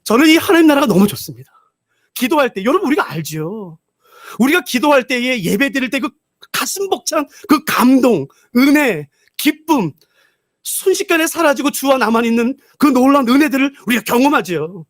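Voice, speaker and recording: A male pastor preaches at a revival, telling stories with animated energy. His voice is very high and swings widely, and it sounds close and dry. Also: normal speed, no echo. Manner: animated storytelling, acts out voices. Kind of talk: revival sermon.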